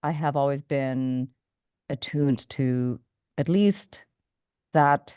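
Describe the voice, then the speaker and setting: A woman from Indonesia, a podcast host, giving thoughtful, measured interview answers with small restarts. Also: extremely low pitch, fairly even intonation, warm tone, clean tone, no echo, clean studio sound. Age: adult, came to the U.S. as a teenager.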